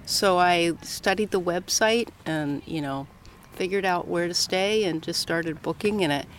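A middle-aged professor from Colorado, United States, chats casually as an interviewee while outdoors on a coastal path. Her voice is lowish and her pace measured. Light outdoor ambient noise surrounds her.

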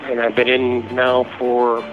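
An older man speaking on a prison phone, halting, with pauses and restarts. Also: mid-range voice, monotone. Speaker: incarcerated interviewee. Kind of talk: phone interview. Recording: tinny prison phone line, faint hiss.

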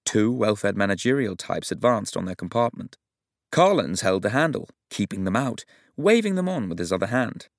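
Low-voiced man narrating a novel. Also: big pitch swings, moderate pace, dry recording, clean studio sound. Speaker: audiobook narrator. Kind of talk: scripted narration.

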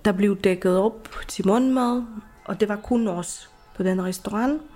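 A woman's voice: mid-range voice, soft background music. A woman retells a moving experience from her own life. She speaks with feeling and slips into the voices of the people she quotes. Her tone stays personal and conversational. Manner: lively, tearful retelling with acted quotes. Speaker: storyteller recounting a personal experience. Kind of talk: emotional personal anecdote.

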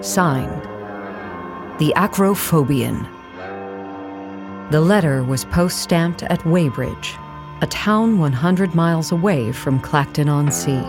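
With music playing underneath, a narrator delivers scripted historical material for an audio play in a measured, factual manner. The voice sits in the mid range and the intonation stays lively.

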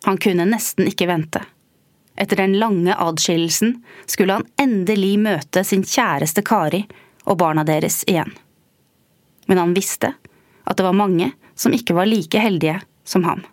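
A woman narrating a scripted history story in a calm, even way. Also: medium pitch, dry recording, studio quality. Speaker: podcast narrator. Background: faint music.

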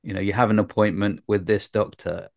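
A man's voice: on the low side, fairly even intonation, fairly quick, vocal fry, darkish tone, no room sound. A man, a doctor hosting a podcast, chatting casually with musing, wry remarks. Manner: musing, theorizing, wry humor. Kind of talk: casual conversational chat.

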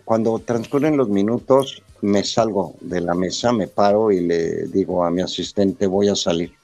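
A middle-aged man tells a personal anecdote in a casual, animated way, acting out the lines of the people in it. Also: lowish voice, no room sound. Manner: animated retelling that acts out quoted dialogue. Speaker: storyteller.

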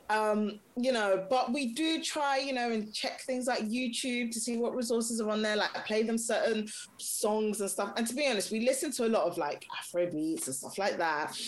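In a somewhat high voice on a low-quality recording, a Nigerian woman of Yoruba background, raised in Britain and now in her thirties, chats about her life. She works as a consultant and content creator, and this casual personal interview is full of laughter and restarts.

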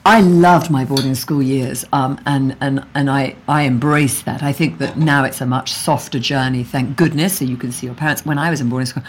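Middle-aged English woman guest, low voice, thoughtful and sincere. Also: fairly even intonation, normal speed, few pauses, slight background noise. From England. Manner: reflective, earnest, with frequent restarts. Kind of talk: conversational interview over lunch.

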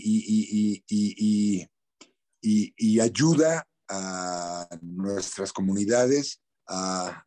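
A middle-aged Mexican actor speaks candidly in a casual interview, his lowish voice slightly mellow. He uses slang and repeats words as he searches for what to say.

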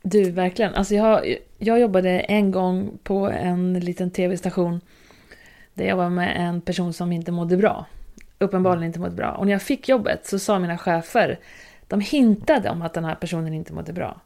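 A woman in casual chat, telling a work story in a lively, filler-heavy way. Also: on the low side, gravelly.

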